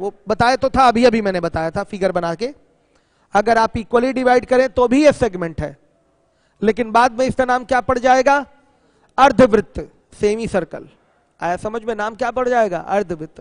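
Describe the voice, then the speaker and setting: A man teaches a geometry class in a high, bright-pitched voice, checking in with students constantly and answering his own questions. He switches into English for technical terms and reads out questions from viewers. The sound is close and dry, yet a long hall reverb trails after his words. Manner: asks students questions often and answers them himself; mixes English terms into the explanation. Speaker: math teacher. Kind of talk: online geometry lesson.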